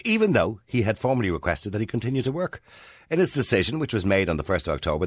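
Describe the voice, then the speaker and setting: An Irishman in his fifties with an extremely low, husky voice hosts a talk radio show, putting questions to listeners in a chatty, opinionated way. The studio-quality audio has no echo.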